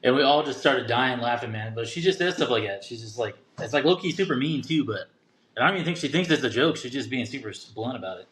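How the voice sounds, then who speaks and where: A man's voice: mid-range voice, expressive, fast talker, fairly bright tone. A man who is a guest on a podcast, chatting casually in laid-back slang. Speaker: guest father. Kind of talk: casual interview chat.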